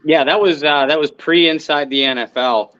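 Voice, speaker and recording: A man's voice: a little high, normal speed, fairly bright tone, muffled recording. A man co-hosting a casual sports podcast, hesitating often with uhs and you-knows. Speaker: podcast co-host.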